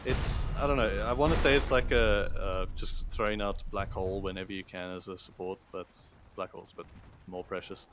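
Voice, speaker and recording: A man's voice: sits low, fairly even intonation, a little fast, noisy background. A man doing casual esports colour commentary, rambling and telling corny jokes. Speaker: esports co-caster.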